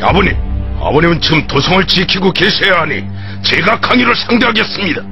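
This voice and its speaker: A man's voice: high-pitched, big pitch swings, fairly quick. A man playing a dutiful, shrewd warlord's son in a dubbed historical animation, speaking formally and respectfully. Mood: earnest. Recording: muffled dub with background music.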